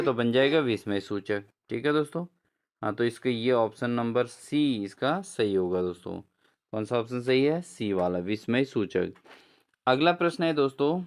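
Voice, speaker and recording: In this lesson explaining quiz answers, a smooth-voiced man of medium pitch covers exam-prep grammar. He repeatedly speaks warmly to his viewers while asking and then answering his own questions.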